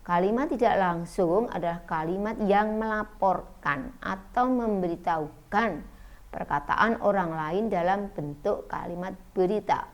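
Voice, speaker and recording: A woman's voice: mid-range voice, a little mellow. A middle-aged woman teacher giving an online school lesson, explaining step by step with frequent fillers.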